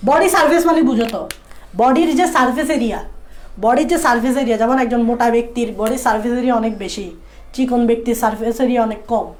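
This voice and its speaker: Woman teacher, high voice, repetitive and questioning delivery, roomy echo. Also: fast talker, darkish tone. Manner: repeats phrases, asks students questions. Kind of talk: biology lesson. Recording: echoey room.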